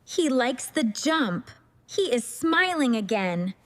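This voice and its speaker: A woman voicing an excitable, bossy young girl babysitting her baby brother in a slow learner's story. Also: on the high side. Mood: busy. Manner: exclaiming, bossy, clearly enunciated.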